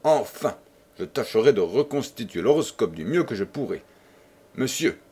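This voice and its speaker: A man voicing an intense male stranger who questions in a high, pressing voice, in an audiobook. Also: very animated, normal speed, a little mellow, husky. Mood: musing. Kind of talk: audiobook character voice.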